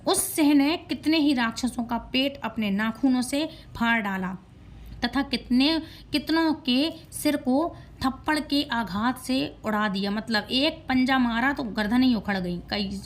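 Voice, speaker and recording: A woman's voice: on the high side, slight background noise. A woman reading a devotional scripture aloud in Hindi, stopping to explain words and correcting herself as she goes. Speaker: scripture reciter.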